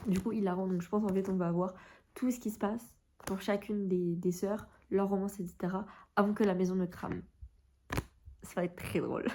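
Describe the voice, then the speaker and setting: Mellow-voiced woman chatting about books. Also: medium pitch, steady tone, moderate pace, slight background noise. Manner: informal, slangy, rambling. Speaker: book vlogger. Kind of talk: casual chatty reading vlog.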